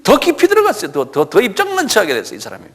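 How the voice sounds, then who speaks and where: Male preacher, fairly high voice, animated storyteller, church-hall reverb. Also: rapid-fire. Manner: animated storytelling with rhetorical asides. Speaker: pastor. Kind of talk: expository sermon.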